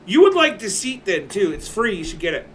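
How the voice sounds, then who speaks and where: A man's voice: sits high, big pitch swings, a little fast. A man in his forties, a livestream host, chatting casually in a blunt, swearing manner. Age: 40s. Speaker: streamer. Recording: distant mic with background noise.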